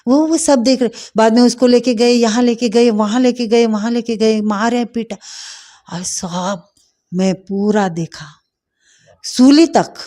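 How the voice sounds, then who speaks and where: A middle-aged woman telling a personal faith testimony, heartfelt and hesitant, pausing often with fillers. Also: fairly high pitch, mellow. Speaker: testimony speaker.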